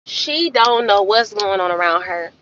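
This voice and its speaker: A woman's voice: medium pitch, measured pace, dull audio, a little hiss or hum. A woman hosting a livestream, telling a story in a casual, sassy way and talking straight to her viewers. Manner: animated, sassy, addresses viewers as y'all. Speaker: livestream host.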